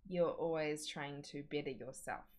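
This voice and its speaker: Lowish-voiced woman chatting on a livestream. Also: moderate pace, darkish tone. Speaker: livestream co-host. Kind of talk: casual livestream chat.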